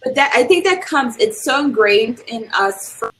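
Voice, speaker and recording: A woman's voice: a little high, expressive, normal speed, fairly bright tone, slight background noise, rough recording. A middle-aged woman from Puerto Rico speaking thoughtfully, with frequent "um"s, as a panelist in a casual online discussion. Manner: thoughtful, hesitant, many "um"s.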